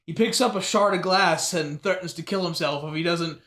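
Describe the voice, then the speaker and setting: A man with a somewhat high voice chatting on a podcast, stumbling through restarts and swearing bluntly. His voice rings around a roomy, echoey space. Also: bright, forceful tone. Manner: halting, many restarts, blunt and profane. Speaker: podcast co-host. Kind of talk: casual chat. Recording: roomy echo.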